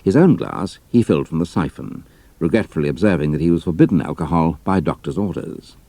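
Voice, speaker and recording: A man's voice: sits low, expressive, fairly quick, dark tone, no echo. A man narrating an adventure story in a scripted, dramatic style.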